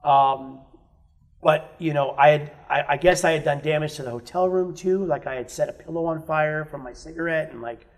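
Speaking at normal speed in a voice on the high side, a guest musician opens up about his past on a podcast. It's relaxed, candid storytelling peppered with swearing and acted-out lines from other people.

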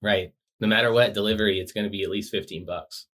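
Male podcast co-host, low voice, playful teasing banter. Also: fairly even intonation, quick pace, a bit bright. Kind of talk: casual chat.

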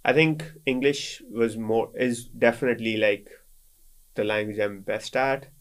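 A young man in his twenties from Pakistan, whose native language is Sindhi, chats casually as a guest in a lowish voice at a slightly slow pace. His talk is full of fillers and restarts.

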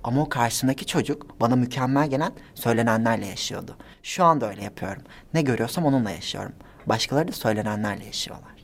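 A nineteen-year-old man telling stories as a guest in a casual interview, animated and giggly, acting out the people he quotes. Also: medium pitch, rapid-fire, hardly any pauses. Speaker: guest, social media personality.

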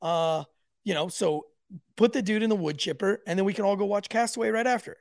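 A man's voice: sits high, a little fast, gravelly, dry recording. A man co-hosting a casual true-crime livestream podcast, joking crudely and reading viewer chat aloud. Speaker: podcast co-host.

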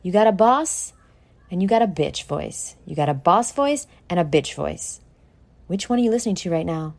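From her condo, a woman with a somewhat low, slightly mellow voice and vocal fry gives an animated motivational podcast monologue at normal speed. She's blunt, brash and swears freely, speaking right to the listener and stretching key words for drama in an otherwise informal style.

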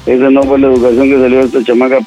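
A middle-aged Mexican man on a phone call, insistent and repeating himself as he pleads for calm. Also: medium pitch, very fast, faint music behind. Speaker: prank call target, father.

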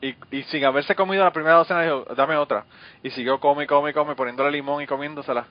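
A man's voice: fairly high pitch, steady tone, quick pace, no echo, lo-fi sound. A man with a Puerto Rican Spanish accent, co-hosting a casual chat and telling loose stories with casual swearing. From Puerto Rico.

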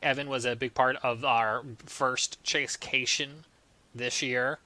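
A man's voice: medium pitch, fairly even intonation, unhurried, sharp tone, dry recording. A man hosting a show, moving between polished links and casual banter. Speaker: show host.

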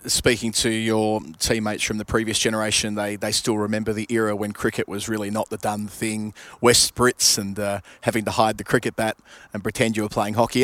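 Male host, fairly low voice, monotone, measured questions, dry studio sound. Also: dry recording. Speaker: podcast host. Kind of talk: scripted interview questions.

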